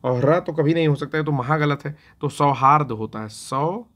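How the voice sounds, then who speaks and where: A man's voice: a little high, normal speed, a bit bright. Chatty man teaching spelling. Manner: conversational, repeats "theek hai na" often; talks to himself while writing on a board. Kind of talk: exam-prep lesson on Hindi spelling.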